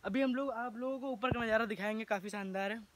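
Talking fast in a high, fairly bright voice, a young man jokes his way through casual vlog narration at a farm house outdoors. He speaks directly into his phone's selfie camera, held at arm's length.

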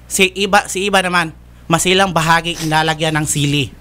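A man's voice: a little high, fairly even intonation, brisk, heavy background noise. A man giving earnest, insistent testimony as a witness, respectfully addressing the host. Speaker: witness, nephew.

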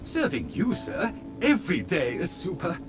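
With game music playing beneath him, a man speaks at a moderate pace in a high voice that swings widely in pitch. His role is a prim, courteous robot butler in a video game who stays formal and deferential and refers to his master in the third person.

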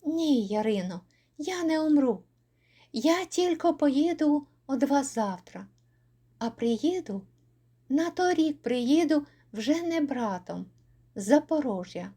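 A woman's voice: high voice, animated, takes it slowly, long pauses, mellow. A woman reading a tender young Cossack man. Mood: earnest.

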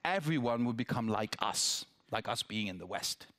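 A man's voice: on the low side, animated, moderate pace, a bit bright. Older man speaking on stage. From Netherlands. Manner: thoughtful, with restarts and asides. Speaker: politician answering questions. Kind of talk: town-hall dialogue. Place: theatre stage before a large audience. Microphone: headset mic.

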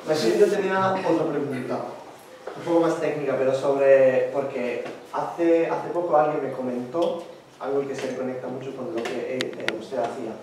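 A man in the audience, a horn player, asking a technical question haltingly with many fillers. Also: mid-range voice, steady tone, a little mellow. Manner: hesitant, with fillers and restarts. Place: lecture hall. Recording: echoey hall, distant mic, noise.

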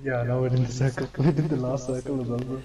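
A man's voice: mid-range voice, flat delivery, fast, mellow. A man with a British accent teasing and joking while playing an online game with a friend. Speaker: gamer. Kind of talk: casual gaming chat with friend.

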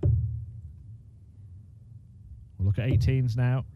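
A man giving measured, analytical darts commentary in short phrases. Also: mid-range voice, steady tone. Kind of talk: sports commentary. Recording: dull, noisy commentary feed.

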